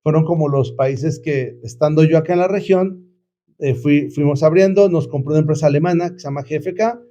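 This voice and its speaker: A man's voice: a little high, a little fast, dark tone, lo-fi sound, a little hiss or hum. A middle-aged man, an entrepreneur guest telling his story in a casual, reflective way, rambling with many fillers and restarts. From Mexico.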